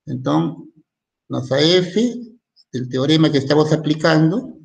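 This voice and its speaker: A man's voice: a little high, measured pace, gravelly. A man teaching a recorded university math lecture in in, thinking aloud and often stopping to ask "¿no?".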